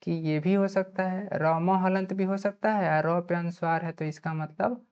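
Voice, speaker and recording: A woman's voice: on the low side, steady tone, moderate pace, a little mellow, clean tone. A woman with a Bihari Hindi accent teaching an online grammar lesson. She spells words out letter by letter and asks questions, then answers them herself. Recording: dull lo-fi sound.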